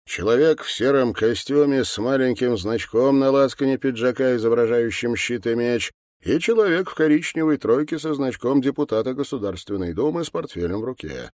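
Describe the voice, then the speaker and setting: A man narrating an audiobook in a matter-of-fact, measured way. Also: medium pitch, animated, a little mellow, no echo, studio quality.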